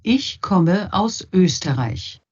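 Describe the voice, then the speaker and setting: A woman speaking a scripted textbook dialogue slowly and clearly. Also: on the low side, lively intonation, darkish tone. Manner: slow, clearly articulated. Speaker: speaker in a language-course audio. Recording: muffled course audio played over a call.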